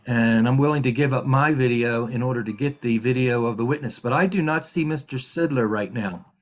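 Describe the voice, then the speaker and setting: A man's voice: medium pitch, fairly quick. Methodical man presiding over a hearing. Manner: methodical, polite, with frequent fillers and restarts. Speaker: hearing examiner. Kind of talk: formal virtual hearing proceedings. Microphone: video call.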